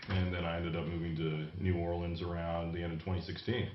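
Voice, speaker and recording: A musician in his thirties, from the United States, telling his story in a relaxed, casual interview. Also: deep voice, brisk, slight background noise. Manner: relaxed storytelling with light laughs. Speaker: musician guest. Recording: distant mic, echoey dull room.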